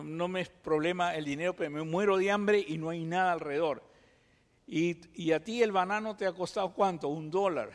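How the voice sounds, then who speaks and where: A man from Peru with a Peruvian Spanish accent, preaching a sermon and teaching through lively examples and rhetorical questions. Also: high voice. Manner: animated storytelling, acts out examples, rhetorical questions. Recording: long hall reverb.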